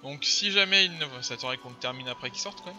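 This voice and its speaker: A man's voice: mid-range voice, quick pace, sharp tone. A man giving casual, rambling let's play commentary. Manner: chatty, rambling, filler-heavy. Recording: dull lo-fi voice over game music.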